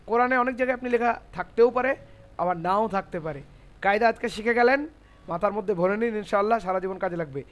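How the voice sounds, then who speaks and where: A man teaching Quran reading in a classroom lesson, explaining slowly, repeating rules and asking his class checking questions. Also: high-pitched. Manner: spells out Arabic letters syllable by syllable.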